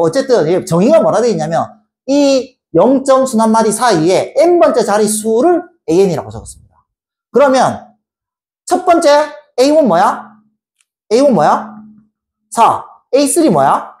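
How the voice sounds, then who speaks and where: A woman math teacher giving a lively lecture, playfully quizzing students and chanting repeated numbers. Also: on the high side. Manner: addresses students directly with quick questions.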